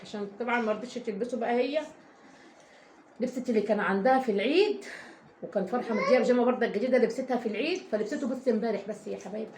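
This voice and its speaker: A woman's voice: a little high, a little mellow. A woman with an Egyptian accent, a mother telling a long, rambling story to her viewers in a casual vlog, emphatic and full of oaths. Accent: Egyptian Arabic. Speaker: family vlogger, mother. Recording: echoey room, faint background noise.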